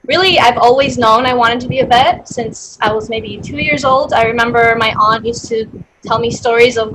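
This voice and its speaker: A woman's voice: a little high, a bit bright, a little hiss or hum, rough recording. A young woman in her twenties from Colombia, raised in Miami, a veterinary student chatting about her path on a video-call panel. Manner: chatty, fillers. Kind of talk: personal story on a panel.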